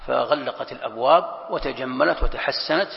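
A man's voice: mid-range voice, normal speed, gravelly, big-room sound, dull audio. A man teaching a Quran commentary lesson, explaining step by step and repeating key phrases.

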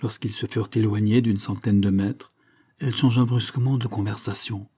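A man narrating a classic novel as an audiobook in a steady, measured way. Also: lowish voice, husky.

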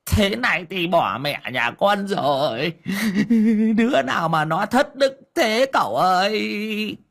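A man's voice: a little high, expressive, slow pace, gravelly, pushed and bright, breathy edge, pitched above the performer's own voice, full character voice. Man doing a wailing, fawning old villager. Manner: whiny, chattering.

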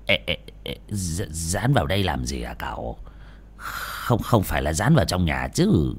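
Male narrator doing a fretful old villager, low, hushed, nervy questions. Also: big pitch swings, moderate pace, slightly rough, full character voice. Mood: hushed worry. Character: anxious, nosy old village man.

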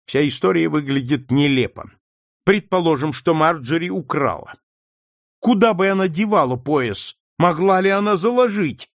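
A man's voice: on the high side, lively intonation, moderate pace, no room sound, clean studio sound, voice pushed up. A man voicing an indignant young man who speaks sternly and heatedly. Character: young indignant fiancé, hot-tempered.

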